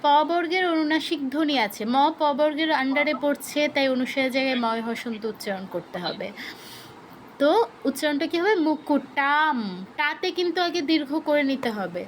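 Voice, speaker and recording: A woman teaching an online class, slowly chanting verses to drill pronunciation and patiently quizzing her students with corrective questions over a video call. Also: sits high, lively intonation, slight background noise.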